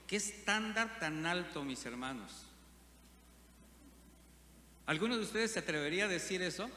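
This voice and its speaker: A man with a high, sharp, expressive voice preaches a sermon at normal speed, often questioning the congregation rhetorically. He is a pastor, recorded in a reverberant church hall with a faint hum.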